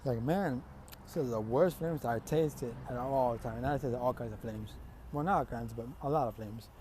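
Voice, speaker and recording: A man's voice: medium pitch, moderate pace, dark tone, a little hiss or hum, natural voice. A man voicing a cocky young male hero who mocks his rival in a fan story. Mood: taunting.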